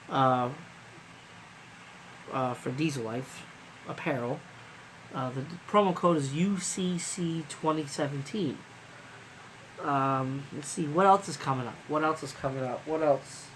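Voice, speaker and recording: Trucker streamer, male, tired and yawning, loose chatty delivery with fillers and swearing; voice a bit high, faint noise behind. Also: a bit bright, low-quality recording. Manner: rambling, loose, swears casually, many fillers. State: sleepy, yawning. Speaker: trucker vlogger hosting a live stream. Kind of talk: casual live-stream chat.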